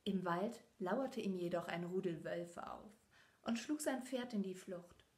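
Female storybook reader for kids, very slow, whispers for suspense. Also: fairly low pitch, a little mellow. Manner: talks directly to children between passages. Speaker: children's book reader. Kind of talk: reading a storybook aloud to children.

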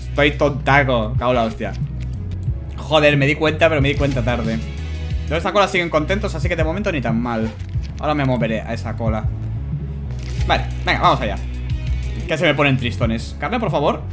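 Animated Spanish man commenting a game. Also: on the high side, brisk, pauses often. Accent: Spanish from Spain. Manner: animated, swearing, shouts at his own mistakes. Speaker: gameplay YouTuber. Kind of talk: casual let's-play commentary. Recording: music playing behind.

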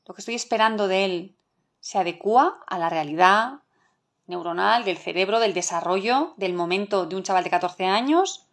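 A middle-aged woman with a Spain Spanish accent, her voice mid-range for a woman, leads an online parenting masterclass as a parenting educator. She speaks earnestly and emphatically, repeatedly posing rhetorical questions to the audience.

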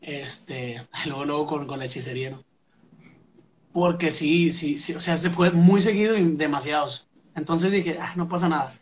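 A young man with a Mexican accent talks in a relaxed, rambling way, filling gaps with "este" and punchy "pum" sounds. His voice sits a little high for a man, and there is a faint hiss of noise behind him. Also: unhurried. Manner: conversational, many fillers and "pum" sound effects. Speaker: musician interviewee. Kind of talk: casual interview.

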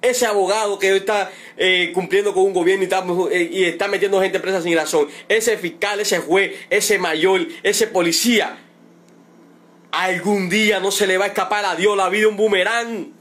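In a livestream, a middle-aged Cuban man whose child is a detained protester makes an emotional appeal, pleading and indignant, repeating himself and drawing out words for emphasis. His voice sits high and is fairly bright, with fairly even intonation.

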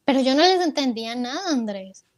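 Woman guest telling her story candidly, lots of "eh"s, a bit high voice, dry close sound. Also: expressive, brisk, dry recording. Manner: candid, retells with quoted self-talk and many fillers. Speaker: interview guest. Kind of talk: personal storytelling in an interview.

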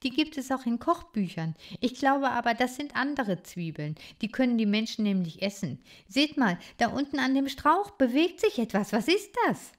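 A woman's voice: on the high side, sing-song, moderate pace, few pauses, pitched above the performer's own voice. A woman voicing a small, eager and curious bookworm.

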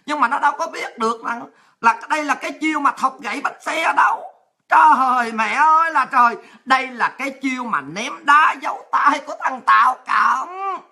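A woman with a Southern Vietnamese accent rants in a high, piercingly bright voice with a husky edge. Her talk is crude, repetitive and mocking, delivered as heated political commentary. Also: lively intonation, moderate pace.

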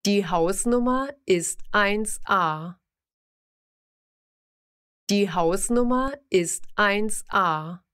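This is a language-lesson reading: a woman with a fairly bright, mid-range voice slowly voices simple example sentences and says each one twice. Every word is carefully pronounced, and her pace stays even and her enunciation clear.

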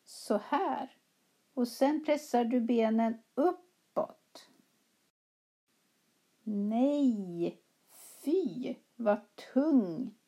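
A woman teaching a language class, reading both parts of a practice dialogue slowly and clearly with careful articulation. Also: fairly high pitch, warm tone. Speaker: Swedish teacher.

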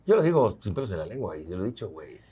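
A man's voice: low voice, big pitch swings, racing, warm tone. A man with a Mexican accent hosts a casual interview, blunt and crude, joking around and getting heated. There is a faint noise behind him. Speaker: show host.

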